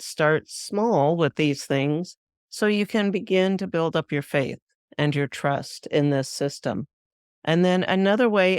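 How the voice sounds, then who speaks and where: A woman hosts her own spiritual podcast and talks listeners through a practice in a calm, measured way. Her voice is smooth and clear. The sound is dry and close, with no room in it. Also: low voice, dry recording. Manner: calm, measured, guiding explanations. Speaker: spiritual teacher, podcast host. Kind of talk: instructive solo talk.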